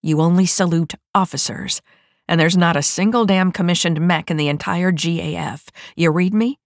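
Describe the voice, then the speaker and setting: A woman voicing a tough, blunt female mech corporal who talks in a gruff, growling way, in an audiobook. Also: fairly low pitch, normal speed, dry recording, clean studio sound, close to an everyday voice.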